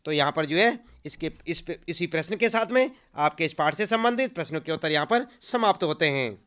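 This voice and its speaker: A man's voice: fairly high pitch, lively intonation, fairly quick, a bit bright. A man teaching, walking schoolchildren through homework answers and dictating them for copying, with frequent check-ins like 'okay'. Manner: addresses pupils as children, repeats 'ठीक है'.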